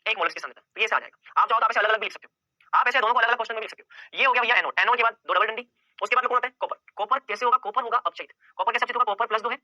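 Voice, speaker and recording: A man teaches chemistry at breakneck speed, throwing out questions and answering them himself. His voice is high, bright and forceful. The sound is dry and close, but a little dull and muffled. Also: rapid-fire, no echo. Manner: repeats key points over and over. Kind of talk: exam-prep lecture.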